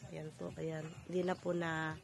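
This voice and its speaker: Woman vlogger, gravelly voice, flat delivery, polite explaining, crowd chatter behind. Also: deep voice, measured pace, slight background noise. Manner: polite, explanatory tour-guide tone. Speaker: charity vlogger. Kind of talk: vlog narration on location.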